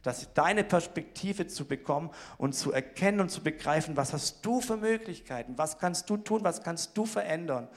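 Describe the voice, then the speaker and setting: A middle-aged preacher in his forties delivers a sermon with animated storytelling. His voice sits fairly high for a man, and he often stumbles, corrects himself and laughs it off. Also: moderate pace, hardly any pauses. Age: 40s.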